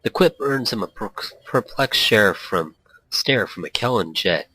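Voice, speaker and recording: A man with a lowish, animated voice reads a visual novel aloud at a measured pace as a let's play host, joking often, laughing, and stumbling then correcting himself. His tone is sharp with a breathy edge, mixing casual commentary with quoted character lines. The recording is rough but has no echo.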